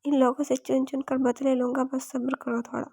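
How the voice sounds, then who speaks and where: A man's voice: very high-pitched, monotone, a little fast, gravelly, a little mellow, no room sound, clean studio sound, exaggerated voice. A woman reading the lines of a fiercely protective, vengeful brother in a romance audiobook. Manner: read plainly in the narrator's voice.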